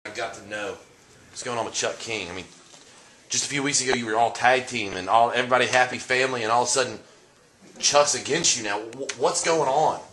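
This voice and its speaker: A man's voice: medium pitch, fairly quick, bright, forceful tone. A man asking informal on-camera questions as a backstage wrestling interviewer.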